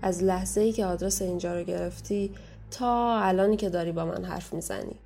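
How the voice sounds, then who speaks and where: Sneering young waitress girl, a woman doing her, low warm voice, bossy and mean, horror audio drama. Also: steady tone, vocal fry, breathy edge, faint music behind. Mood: scornful. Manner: scornful, taunting, bossy. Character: young female waitress, mocking, menacing, secretive. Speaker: guest voice actor.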